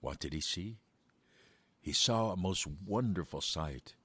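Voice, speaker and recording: A man reading a children's story aloud in a measured way, slowing down for verse. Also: low voice, animated, a bit bright, slightly rough, no echo.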